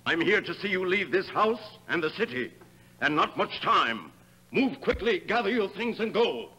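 An actor playing a stern, powerful king who speaks in a measured, commanding way in 1950s stage tragedy style. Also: sits high, big pitch swings, bright, forceful tone, husky, full character voice, low-quality recording.

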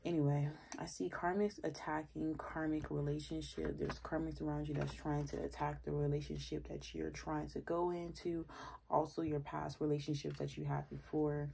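A woman's voice: low-pitched, little pitch movement, normal speed, creaky, mellow, slight background noise. A woman giving a casual tarot reading to her viewers, blunt and full of cursing, her voice sounding off from its usual self, recorded on a phone. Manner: blunt, cursing, repeats "all right?". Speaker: tarot reader.

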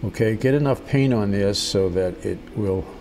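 Gentle, low-voiced older man teaching painting. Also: a little hiss or hum. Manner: gentle, encouraging, unhurried instruction. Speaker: watercolor painting instructor. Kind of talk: casual spoken painting tutorial.

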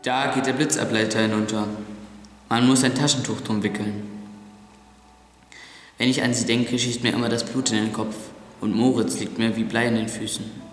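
Amateur drama: young man playing a brooding, tormented teenage boy, mid-pitched, in an echoey hall with faint music. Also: little pitch movement, normal speed, long pauses, natural voice. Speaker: amateur actor. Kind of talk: amateur film drama, inner monologue.

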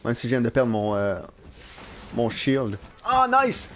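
A young man with a Quebec French accent giving live gameplay commentary in an animated, self-mocking way, swearing casually. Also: mid-range voice, measured pace, a little hiss or hum. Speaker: live streamer. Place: at work.

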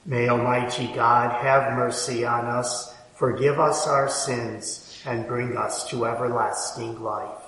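A man leading Mass as a priest, intoning the liturgical prayers in a slow, measured way, heard with a cathedral echo. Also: mid-range voice, steady tone, fairly bright tone. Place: large cathedral, indoors. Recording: echoey cathedral from far off.

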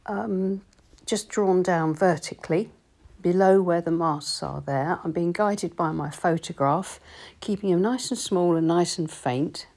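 A woman, calmly explaining each step of a watercolour painting tutorial in voice-over. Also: on the low side, a little slow. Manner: calm, explanatory, gently instructive. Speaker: watercolour teacher.

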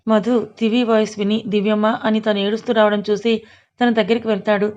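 A woman reading a serialized story aloud in steady narration. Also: medium pitch, fast, dull audio.

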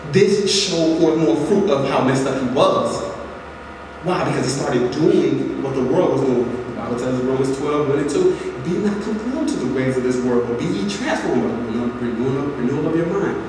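A man's voice: medium pitch, expressive, fairly quick. A young man preaching a sermon from a pulpit, earnest and direct, repeating phrases for emphasis. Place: large church sanctuary. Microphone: pulpit mic, filmed from far back in the pews. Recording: echoey hall from far off, audible noise.

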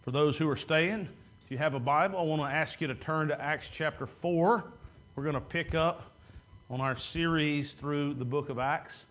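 A man's voice: fairly high pitch, moderate pace, fairly bright tone. A man preaching a sermon from the pulpit in a church sanctuary, talking in a conversational way and drawing words out for emphasis, picked up by a camera at the back of the room. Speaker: pastor. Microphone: far camera at back of room.

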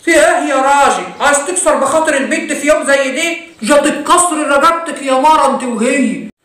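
A woman's voice: sits high, fast, a bit bright. A woman doing a scolding Egyptian mom. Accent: Egyptian Arabic. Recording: roomy echo, voice from off-mic.

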